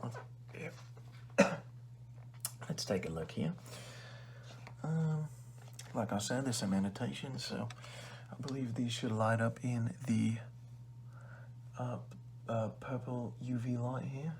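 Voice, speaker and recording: A man's voice: medium pitch, slow pace, gravelly, long pauses, a little mellow, slight background noise. A man playing a rude, condescending librarian who sells used books, in an ASMR role-play with chummy but insulting salesman-like patter. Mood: teasing, murmuring. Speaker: ASMR performer.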